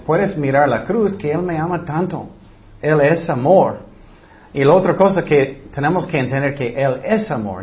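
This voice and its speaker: A man teaching a Bible sermon in an animated storytelling way, acting out voices as he tells it. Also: on the high side, slight background noise. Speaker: preacher. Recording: dull lo-fi recording.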